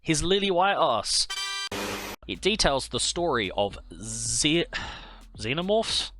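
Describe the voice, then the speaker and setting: A man's voice: fairly high pitch, very animated, takes it slowly, bright, forceful tone, faint music behind. A man hosting a comedic game lore commentary, rambling and crude, often stumbling over names. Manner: rambling, jokey, crude humor. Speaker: host.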